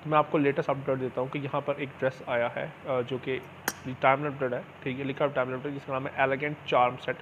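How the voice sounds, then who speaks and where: Speaking quickly and flatly at medium pitch, a man commentates a casual game tutorial for his gaming channel, explaining things and frequently adding small check-ins. The lo-fi mic is dull and picks up obvious background noise.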